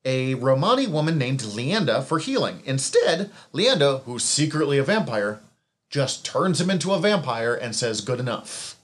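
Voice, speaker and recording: A man's voice: mid-range voice, very animated, normal speed. A man co-hosting a podcast, recapping comic book history in a rambling, self-correcting way with chuckles at his own asides.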